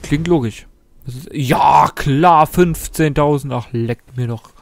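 A young man casually commenting on his gameplay, excitable, taunting and swearing at the game's characters. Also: mid-range voice, takes it slowly, gravelly. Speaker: let's play host.

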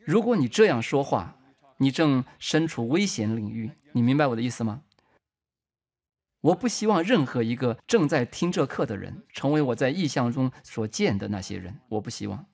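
Impassioned husky male preacher. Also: mid-range voice, expressive, normal speed. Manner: impassioned, emphatic, sweeping swings between loud and hushed. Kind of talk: sermon teaching.

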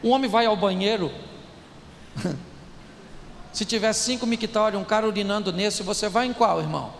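A man preaching with humor to a live audience, animated and jokey, talking straight to the crowd. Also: high-pitched, normal speed, gravelly. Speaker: preacher, speaker. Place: large hall. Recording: echoey hall, faint background noise.

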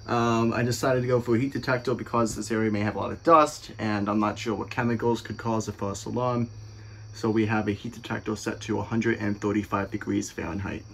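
A hobbyist demonstrator gives a casual, matter-of-fact technical walkthrough, filmed on a handheld phone as he moves through his home garage and the adjoining rooms. His voice is fairly low, creaky, and fairly bright, with fairly even intonation and a brisk pace. Slight background noise is present.

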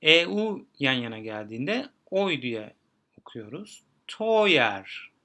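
A male teacher patiently explaining pronunciation rules to learners, spelling out letters and repeating example words slowly. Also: mid-range voice, big pitch swings, sharp tone. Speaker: German teacher.

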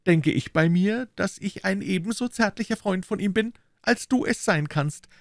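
A man reading aloud puts on a proud young musketeer, disdainful and icy behind his polite words. The voice rides well above the reader's own and swings high and low, heard close and dry. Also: animated, normal speed, no room sound. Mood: haughty. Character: young male musketeer, cold and haughty. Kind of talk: audiobook character voice.

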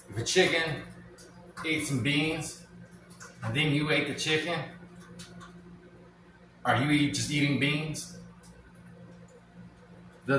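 A man in his forties cooks in a home kitchen and mutters dry, crude jokes under his breath. He is picked up by a camera across the room, so his voice booms with echo. A steady hum of noise sits behind him. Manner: wry, crude, mumbling to himself while cooking. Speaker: cooking vlog host. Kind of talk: casual joking cooking commentary. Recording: echoey kitchen with background noise.

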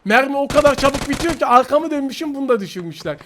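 High-pitched excitable man over loud gunfire. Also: fast, slight background noise. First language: Turkish. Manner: excitable, swings into shouting frustration. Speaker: gaming YouTuber. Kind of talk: live gameplay commentary. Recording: loud gunfire from the game behind. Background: game gunfire and clicks.

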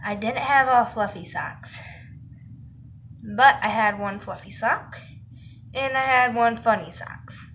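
A woman's voice: fairly high pitch, takes it slowly, long pauses, a bit bright, a little hiss or hum, poor audio. A woman vlogging in a rambling, giggly way, chatting casually to camera and correcting herself as she goes.

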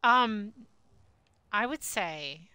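A woman's voice: medium pitch, lively intonation, drawn-out words, bright, forceful tone, clear, resonant tone, no room sound. A woman streamer chatting casually while gaming. She rambles and giggles, and she sounds sleepy and yawny. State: sleepy, yawning. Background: game music.

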